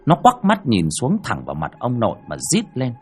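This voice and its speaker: Husky guy telling a spooky story, super lively up and down voice, quiet music behind. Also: medium pitch, a little fast. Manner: vivid, expressive. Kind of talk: scripted ghost story narration.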